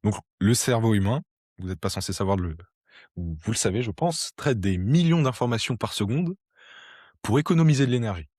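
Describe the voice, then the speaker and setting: Low-voiced man teaching, dry sound. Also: expressive, fairly quick, darkish tone, breathy edge, dry recording. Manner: conversational, with fillers and restarts. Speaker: sociology educator. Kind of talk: explanatory talk to camera.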